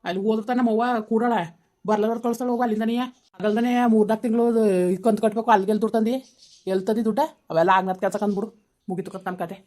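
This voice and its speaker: A woman acting a quarrelsome rural woman in a family feud, scolding and cursing in a rapid-fire stream. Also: medium pitch, steady tone, darkish tone, lightly acted. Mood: quarrelling. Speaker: actor in a village family skit. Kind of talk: amateur comedy skit acting.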